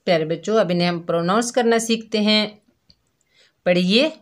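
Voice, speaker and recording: A woman teaching young children to read Arabic letters, speaking gently and patiently and repeating each letter slowly. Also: mid-range voice. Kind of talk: slow children's lesson.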